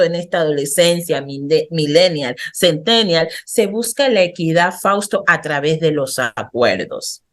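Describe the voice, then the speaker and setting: A woman's voice: medium pitch, fairly bright tone. A woman counselor, a guest on a radio talk show, explaining earnestly and instructively to the host, whom she often addresses by name.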